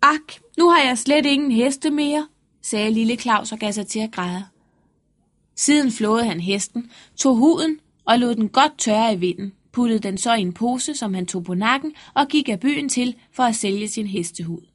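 A woman narrating a fairy tale in a lively storytelling manner. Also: a little high.

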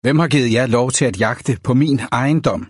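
A man's voice: mid-range voice, no room sound, natural voice. A man voicing a dry-voiced, bitter smallholder. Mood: stern. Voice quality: dry rustling voice. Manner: gruff, muttering. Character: resentful poor smallholder man, proud and bitter.

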